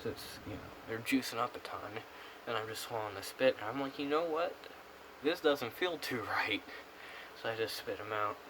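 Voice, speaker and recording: A young American man with a medium-pitched voice talks at a normal speed, rambling casually through a vlog review with a pouch tucked in his upper lip. The product reviewer is in a small indoor room, and his camera mic picks him up clearly along with some background noise.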